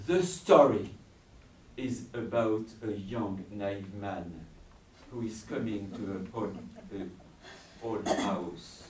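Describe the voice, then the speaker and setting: A man with as his performs a theatrical tall tale at a slow, halting pace. His delivery swings from hushed to loud. He is picked up from a distance in an echoey room with faint noise. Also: fairly low pitch. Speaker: contestant storyteller. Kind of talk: theatrical spooky tall-tale storytelling before an audience.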